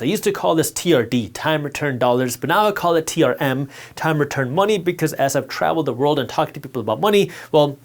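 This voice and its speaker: A man teaching personal finance straight to camera, emphatic and repetitive as he hammers his key points. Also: fairly high pitch. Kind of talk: direct-to-camera explainer.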